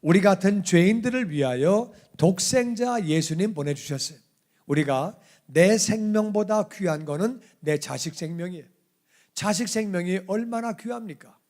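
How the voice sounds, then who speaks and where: Man, pastor, sermon, high-pitched, animated storytelling, questions to the congregation. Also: normal speed. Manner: animated storytelling, acting out quoted voices.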